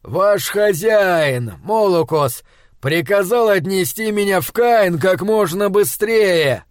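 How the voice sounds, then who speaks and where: A man voicing a greedy, cunning frog-like male wizard who shouts in a shrill, raised voice. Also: animated, takes it slowly, no room sound, clean studio sound. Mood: sly.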